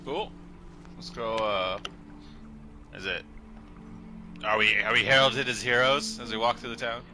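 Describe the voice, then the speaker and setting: A man's voice: medium pitch, fairly even intonation, a little slow, music in the background. A man bantering casually as a player at a tabletop game, reactive and joking.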